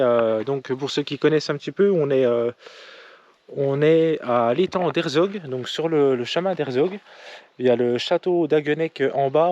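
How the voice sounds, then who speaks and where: A man narrating a casual hiking vlog outdoors, talking haltingly with many fillers and restarts. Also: mid-range voice, a little mellow, dull audio. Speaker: hiking vlogger. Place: outdoors on a forest trail.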